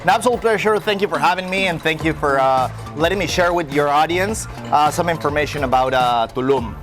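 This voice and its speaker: Over background music, a real estate broker guest answers interview questions quickly in a fairly high voice. He's Mexican but sounds American when speaking English, and he explains things in a friendly way, often filling pauses with "uh."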